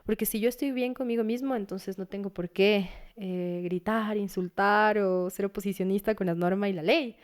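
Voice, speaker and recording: An earnest woman psychologist talks through her advice at a medium pitch. She speaks plainly and steadily, and now and then slips into the voices of worried parents. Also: fairly even intonation, moderate pace, few pauses. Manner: earnest, advising, acts out parent and teen voices. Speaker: psychologist guest. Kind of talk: casual interview talk.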